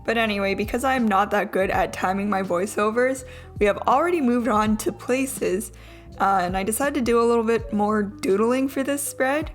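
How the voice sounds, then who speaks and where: A woman's voice: on the high side, normal speed. A young adult woman giving a casual, chatty, self-deprecating vlog voice-over, with some trouble saying her R sounds. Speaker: vlogger. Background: background music.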